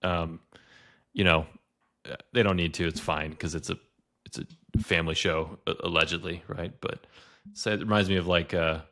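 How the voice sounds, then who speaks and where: A man's voice: sits low, steady tone, normal speed, pauses often, bright, forceful tone. A man co-hosting a podcast, chatting casually and rambling with lots of "like" fillers. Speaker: podcast co-host. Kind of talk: casual chat.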